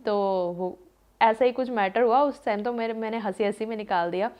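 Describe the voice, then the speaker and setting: A woman's voice: fairly high pitch, a little fast, a little mellow. A woman in her thirties telling a personal story in a casual, chatty way, with many fillers and acted-out quotes. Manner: chatty, lots of fillers, acts out quoted voices. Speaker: vlogger.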